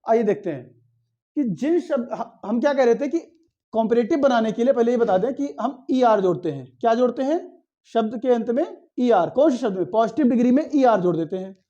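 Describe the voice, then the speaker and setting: A man teaches a grammar lesson step by step, posing questions to his students and answering them himself. His voice is mellow, and the recording sounds slightly dull and lo-fi. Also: very high-pitched.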